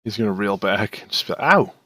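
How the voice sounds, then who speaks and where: A man with a low voice narrates as dungeon master, pausing often on fillers as he talks through each turn. The sound is close and dry. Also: flat delivery, a bit bright, no echo. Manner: halting, many fillers. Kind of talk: narrating a tabletop game.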